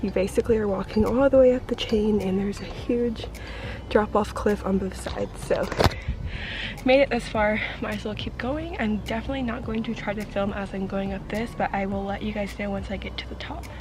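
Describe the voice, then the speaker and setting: A woman's voice: medium pitch, steady tone, a little fast, noisy background. A young woman vlogging on a solo hike, chatty and a bit breathless as she talks to the camera outdoors. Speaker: travel vlogger. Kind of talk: casual vlog narration. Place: outdoors on a mountain trail.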